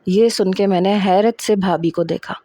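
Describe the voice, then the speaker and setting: Female narrator for a dramatic first-person romance read, warm and dark, recorded dry and close. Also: mid-range voice, fairly even intonation, no echo. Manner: dramatic, emotional reading with acted dialogue. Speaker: storyteller.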